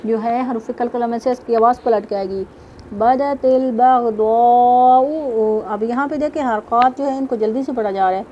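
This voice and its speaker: A woman teaching tajweed, explaining each rule step by step and reciting verses slowly in a drawn-out melodic voice. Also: a little high, muffled recording, slight background noise.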